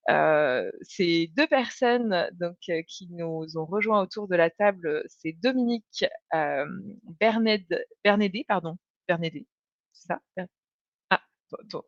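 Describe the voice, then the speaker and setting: A woman's voice: on the low side, expressive, unhurried, no room sound. A woman hosting a live professional webinar, chatting easily with many fillers and restarts over a video call. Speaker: host. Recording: dull lo-fi sound.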